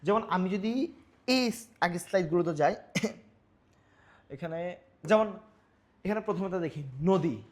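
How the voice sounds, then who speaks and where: Male grammar teacher, high voice, self-quizzing and repetitive, coughs at times. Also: measured pace, long pauses, a little mellow. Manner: asks questions and answers them himself, repetitive. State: coughing now and then. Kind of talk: grammar lesson.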